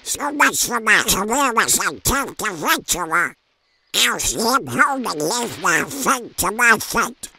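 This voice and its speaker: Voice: mid-range voice, very animated, measured pace, sharp tone, slightly rough, full character voice. A performer voicing an irritable, scheming male cartoon duck in a squawky, garbled duck voice, blustering theatrically. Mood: weary, resigned. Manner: theatrical self-narration, blustering. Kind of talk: amateur comic dub acting.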